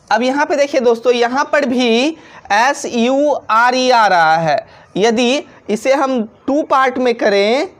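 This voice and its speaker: A woman with a slightly high voice and a Hindi accent gives a classroom-style video lesson on pronunciation. She spells words out letter by letter and puts questions to her viewers that she then answers herself.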